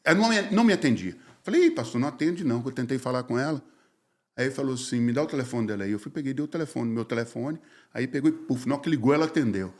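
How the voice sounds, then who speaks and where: A man, a pastor telling his life story in a casual, slangy, animated way and acting out the dialogue. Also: mid-range voice, very fast. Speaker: pastor, podcast guest.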